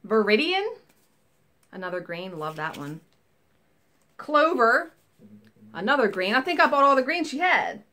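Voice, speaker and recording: A woman's voice: fairly high pitch, big pitch swings, a little slow, long pauses, sharp tone. A woman in her thirties chatting casually through a cross-stitch haul video from a small home craft room, recorded on a webcam. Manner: chatty, enthusiastic, rambling asides. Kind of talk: casual show-and-tell haul.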